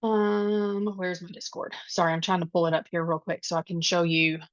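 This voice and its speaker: A woman's voice: fairly low pitch, fairly even intonation, moderate pace, dry recording. A woman leading a live online study group as a coding instructor, chatty and reassuring, with many filler ums. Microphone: video call. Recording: dull, dry lo-fi video call audio.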